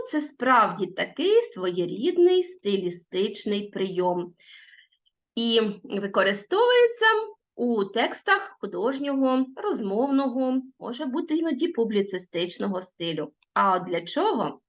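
A woman's voice: mid-range voice, lo-fi sound. A woman teacher giving a recorded lesson. She patiently reads out word forms one at a time and talks straight to her pupils. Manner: addresses pupils directly, asks them to pause the video.

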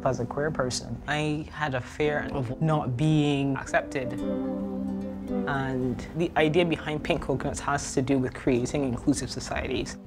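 A young woman from Barbados, speaking calmly and earnestly about her life as a documentary narrator. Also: very deep voice, measured pace, loud music behind the voice. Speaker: entrepreneur and advocate.

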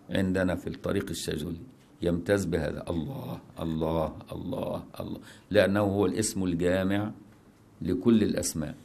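A middle-aged man with an Egyptian accent, a religious scholar who chants prayers slowly and then explains them in conversational lesson style. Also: on the low side, a little mellow. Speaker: Islamic scholar teaching.

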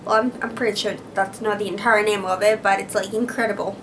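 A fast-talking young woman from Utah, USA, with a medium-pitched voice, chats excitably on her vlog amid background noise, saying "like" and "um" constantly. It's shot on a handheld camera at arm's length, in her car and then in her bedroom.

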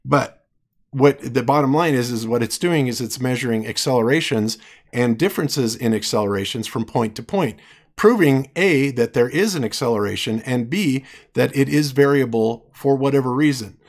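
A man who is losing his voice, arguing his case in an online debate with halting speech and frequent restarts. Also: mid-range voice. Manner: halting, many restarts and fillers. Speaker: debater presenting evidence.

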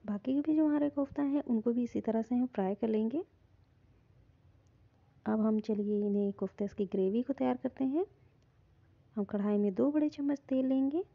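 A woman calmly narrating a step-by-step recipe in her home kitchen. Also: on the high side, normal speed, gravelly, long pauses. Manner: calm, instructive, repeats "hum" often. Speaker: cooking channel host. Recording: dull lo-fi phone audio.

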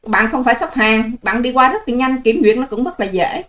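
An older woman rants straight to her viewers, scolding and sarcastic. Her voice sits a little high, and she fires off her words at a rapid clip. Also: expressive, a bit bright. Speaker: online channel host. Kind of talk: ranting vlog monologue to viewers.

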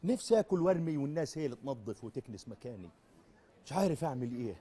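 A man's voice: medium pitch, big pitch swings, racing, dark tone, husky. A man with an Egyptian accent playing a weary, jumpy street sweeper in a comedy sketch. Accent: Egyptian Arabic. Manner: complaining, nervous, absurd.

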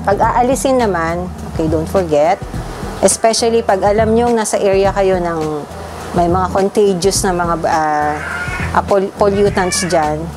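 Filipino woman talking through a face mask. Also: medium pitch. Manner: mixes English and Tagalog, explaining patiently. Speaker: vlogger. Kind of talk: casual how-to demonstration.

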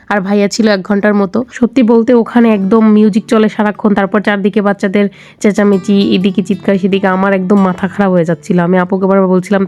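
A young woman from Bangladesh talks through her family day out as a vlogger, chatty and rambling. She speaks quickly in a mellow, warm tone, with soft music playing faintly under the voice-over. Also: medium pitch. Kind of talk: casual voice-over narration.

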